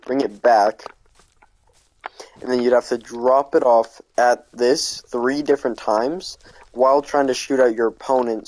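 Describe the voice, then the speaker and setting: A man's voice: mid-range voice, a little mellow, poor audio. A man giving casual gameplay commentary while touring his build. He sounds sleepy and rambles, with lots of fillers like "like" and "um". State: sleepy, yawning. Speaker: video game creator touring his build.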